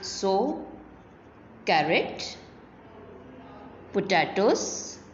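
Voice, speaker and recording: Slow, patient woman teacher, echoey room. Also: medium pitch, very animated. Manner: slow, spelling words letter by letter. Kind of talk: recorded online lesson for young children. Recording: dull, roomy recording with faint hum.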